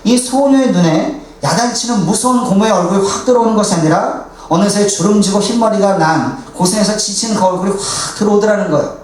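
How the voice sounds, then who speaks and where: A high-voiced male pastor preaches earnestly, telling stories and voicing the people in them. His voice rings through a very echoey church from some distance away, with faint hiss underneath. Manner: earnest preaching, acts out quoted dialogue. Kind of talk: sermon with storytelling. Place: church sanctuary.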